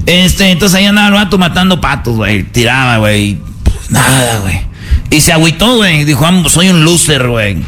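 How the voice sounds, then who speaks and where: A man's voice: on the high side, very animated, brisk, a bit bright, slight background noise. A man with a Mexican accent hosting a comedy show, telling jokes in rowdy, slangy banter. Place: outdoors at a city square festival.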